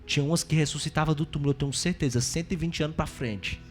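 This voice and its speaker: High-voiced Brazilian pastor preaching. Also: male voice, quick pace, soft background music. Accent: Brazilian Portuguese. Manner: animated preaching, swinging between loud exclaiming and hushed, intimate asides. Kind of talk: sermon.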